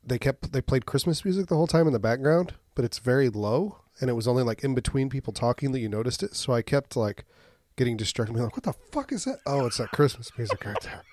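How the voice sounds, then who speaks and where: Congested and a bit wheezy from a chest cold, this man co-hosts a podcast and gives a joking, lively movie recap, acting out quotes along the way. His mid-range voice moves fast with few pauses, and there's no echo.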